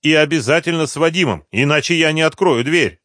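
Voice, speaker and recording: A man's voice: fairly high pitch, a little fast, fairly bright tone, no echo, clean studio sound, pitched above the performer's own voice, lightly acted. A man voicing an anxious woman who speaks nervously and pleads on the phone. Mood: anxious pleading.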